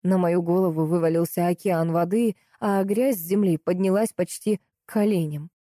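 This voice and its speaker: Woman audiobook narrator, first-person story, lowish voice, steady lively telling. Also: normal speed, no room sound, studio quality.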